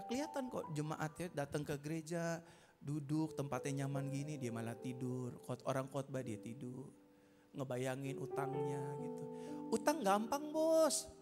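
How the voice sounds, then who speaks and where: A man, a pastor preaching a chatty, joking sermon that mixes in English phrases and swells into loud exhortation. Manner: rises to loud, high exhortation. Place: church auditorium. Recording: hall reverb with music behind.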